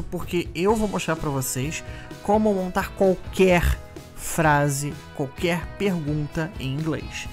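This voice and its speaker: Guy teaching english, slow careful examples, faint music behind. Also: fairly high pitch. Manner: slow, deliberate example sentences with rising question intonation. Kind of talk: video English lesson.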